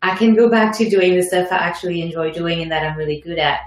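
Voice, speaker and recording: A woman's voice: on the low side, little pitch movement, fast talker, roomy sound, rough recording. Chatty French-accented woman host. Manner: chatty, encouraging, many fillers. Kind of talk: live webinar chat.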